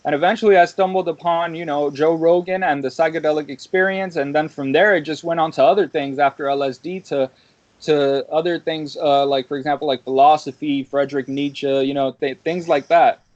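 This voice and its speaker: A man in his twenties talks in a loose, rambling way, often tagging his points with a quick question and swearing casually. His voice sits a bit high for a man. The recording is dry with no room sound and a muffled, lo-fi tone. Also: fairly even intonation, no room sound. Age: 20s. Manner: rambling, with frequent "right?" tags and casual swearing. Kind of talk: casual podcast conversation. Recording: dull, dry lo-fi audio.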